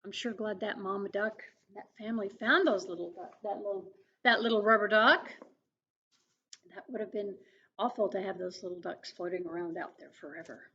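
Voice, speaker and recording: A children's librarian, a woman, reading a picture book aloud with expressive storytelling and questions for young listeners. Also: mid-range voice, moderate pace, slightly rough, highs cut off. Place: public library.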